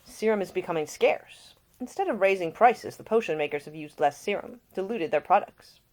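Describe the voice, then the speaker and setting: In an audiobook story, a woman with a lowish voice plays a composed, probing older gentleman, an uncle and lord who speaks formally and deliberately. Her reading is expressive and lightly acted, with a grave, formal mood.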